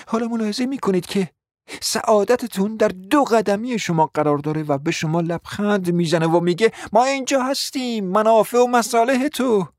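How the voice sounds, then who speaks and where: A cunning, flattering provincial mother played by a woman in a radio drama, coaxing in a smooth, persuasive voice that keeps sinking to a whisper. The sound is dry and close, with no room around it. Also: medium pitch, dry recording, close to an everyday voice. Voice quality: coaxing, often drops to a whisper. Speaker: scheming mother. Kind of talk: radio play acting.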